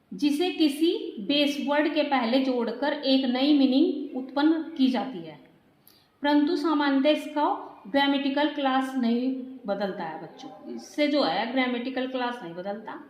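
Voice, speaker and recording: A high-voiced woman gives a patient grammar lesson to children, repeating her points and talking to the class directly. Her voice rings in an echoey room. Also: darkish tone. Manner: patient, spells out letters one by one. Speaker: teacher.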